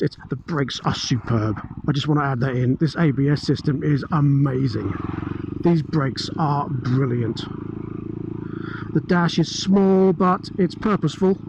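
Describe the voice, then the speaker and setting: A British man reviewing a motorbike as he rides, speaking through a helmet mic in chatty, enthusiastic running remarks. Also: a little high. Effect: speaking through a helmet mic while riding. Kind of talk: riding commentary. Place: on a motorbike on open roads. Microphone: helmet-mounted mic. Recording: helmet mic with engine and wind noise. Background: engine and wind noise.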